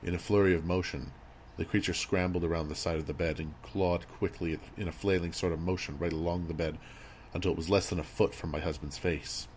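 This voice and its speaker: A man reading a scripted horror story as narrator, in a measured, grave storytelling manner. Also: deep voice, fairly even intonation, a little mellow. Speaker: creepypasta narrator. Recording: audible background noise and ambience.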